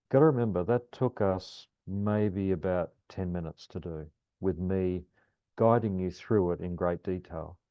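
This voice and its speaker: Deep-voiced man leading a calm grounding exercise. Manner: calm, gentle, soothing instruction. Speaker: guided meditation teacher. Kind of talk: calm guided grounding meditation. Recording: roomy, slightly dull lo-fi sound.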